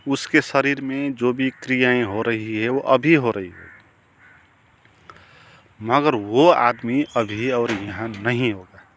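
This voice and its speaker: A man's voice: medium pitch, a bit bright, slight background noise. A man giving a spiritual talk on meditation as a teacher, reflective and asking rhetorical questions. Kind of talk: spiritual discourse.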